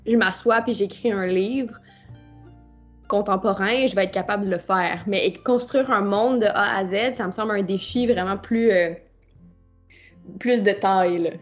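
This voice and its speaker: A woman with a Québécois accent, a novelist talking in a casual podcast chat, lively and full of restarts. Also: mid-range voice, moderate pace, lo-fi sound, soft background music. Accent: Québécois French. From Quebec. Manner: animated, many restarts and fillers. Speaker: guest novelist.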